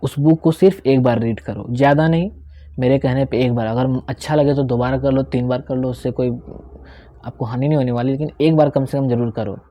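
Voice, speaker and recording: A man's voice: mid-range voice, fairly even intonation, brisk, dark tone, muffled recording. A young man teaching English pronunciation in Hindi with some English, explaining step by step and often checking in with his students. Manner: explains step by step, repeats key words, checks in with "theek hai".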